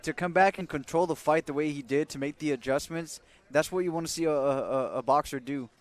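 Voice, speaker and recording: A man's voice: on the high side, brisk. A man giving casual analysis as a boxing commentator, with faint noise behind him.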